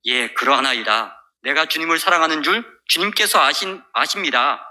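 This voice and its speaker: A man's voice: on the high side, animated, normal speed, sharp tone. A man voicing Peter, an earnest and worried male fisherman disciple, replying in a pleading way.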